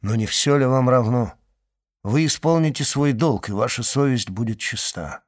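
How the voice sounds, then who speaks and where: A man reading an audiobook and voicing a resolute young man in love, speaking low and solemnly. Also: normal speed, no echo, clean studio sound, natural voice. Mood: grave. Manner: low, earnest, solemn vows.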